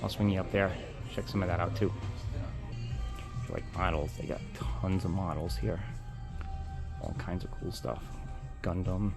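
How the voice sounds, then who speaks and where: A man's voice: sits low, fairly even intonation, normal speed, gravelly, long pauses, music in the background. A man narrating a casual walk-and-talk vlog in an informal, chatty way, speaking to his viewers. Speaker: vlogger. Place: out and about in busy city streets and venues. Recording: noisy urban ambience with traffic.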